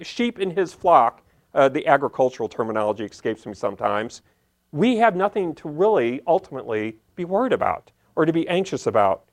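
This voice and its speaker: A man preaching a conversational Sunday sermon as pastor, plainspoken and repeating key phrases for emphasis. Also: fairly high pitch. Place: church service.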